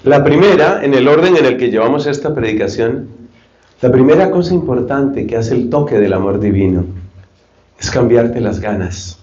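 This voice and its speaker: A man's voice: mid-range voice, normal speed. Male preacher acting out scenes. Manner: lively storytelling, acts out dialogues. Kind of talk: sermon. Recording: roomy, slightly dull recording.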